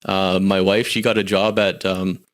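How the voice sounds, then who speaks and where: His voice sits low and barely moves in pitch, and he speaks at a moderate pace. He's a Canadian man in his forties appearing as a podcast guest, reflecting candidly on his life through casual storytelling, with frequent sentence restarts.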